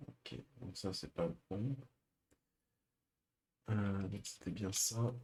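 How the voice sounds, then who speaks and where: A man streaming a live coding session, thinking aloud with many pauses and fillers. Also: lowish voice, mellow, a little hiss or hum.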